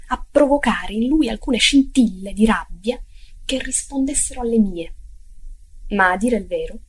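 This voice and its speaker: A woman's voice: fairly high pitch, slight background noise. Woman reading a classic novel aloud. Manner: measured, expressive, some phrases near a whisper. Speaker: audiobook narrator. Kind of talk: literary audiobook reading.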